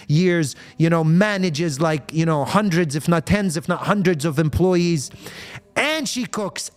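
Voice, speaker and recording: This Islamic speaker's male voice leans high. He delivers a fervent live-stream talk about faith, replying to comments from viewers while mixing Arabic phrases and rhetorical questions into his English.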